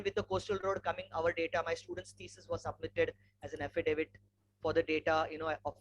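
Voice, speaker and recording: Higher-voiced man with an educated Indian English accent. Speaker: webinar speaker, environmental educator and trek leader. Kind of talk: informal slide presentation with anecdotes. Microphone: online webinar microphone. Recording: clearly noisy webinar audio with hum.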